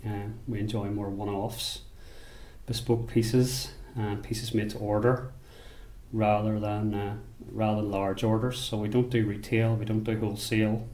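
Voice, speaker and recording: A man from Belfast with a Northern Irish accent, a basket maker talking about his craft in an unhurried, thoughtful way, often restarting his sentences. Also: on the low side, level tone, darkish tone, echoey room. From Belfast, Northern Ireland. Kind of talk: interview monologue. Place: rural workshop or home.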